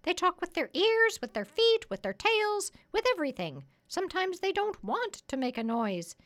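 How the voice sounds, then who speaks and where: A high-pitched, squawky female parrot, proud and sure of herself. She speaks emphatically and loudly, like a storybook know-it-all giving instructions. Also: sing-song, normal speed, exaggerated voice. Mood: instructive. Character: bossy, proud, clever old female parrot.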